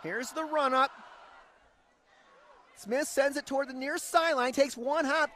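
A man with an American accent doing live football play-by-play as a radio announcer, with an excited, rising touchdown call when a play breaks open. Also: very high-pitched, measured pace, a little hiss or hum. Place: live at an outdoor high school stadium.

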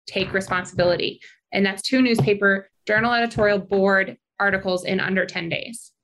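A woman's voice: medium pitch, steady tone, noisy background. A woman speaking as a guest advocate for child welfare, urgent and persuasive. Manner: urgent, persuasive, fast-talking. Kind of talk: interview guest.

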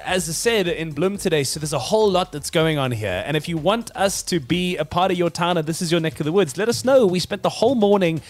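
A man's voice: a little high, fairly quick, hardly any pauses. A man from South Africa hosting a travel show, talking straight to the viewer with energy. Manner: energetic, addresses the viewer directly. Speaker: host. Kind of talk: upbeat presenter links.

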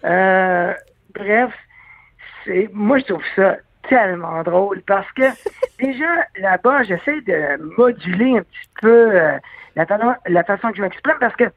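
Over a dry, tinny phone line with no room sound, a man from Quebec with a Québécois French accent talks casually as an interview guest. He pitches his voice high and keeps a measured pace, but he hesitates, restarting often and using lots of fillers.

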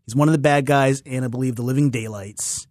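A man hosting a podcast, talking about a movie in an animated, opinionated way and laughing easily. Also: medium pitch, brisk, dry recording, clean studio sound. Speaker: podcast host. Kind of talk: casual film discussion.

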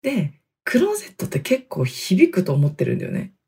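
Husky, gravelly-voiced woman chatting softly. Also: lowish voice, huge pitch swings, fairly quick. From Hokkaido, Japan. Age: 30s. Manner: chatty, self-deprecating, laughs often; speaking quietly on purpose. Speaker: podcast host. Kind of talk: casual solo podcast chat. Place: inside a closet in a wooden apartment studio. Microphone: computer mic in closet.

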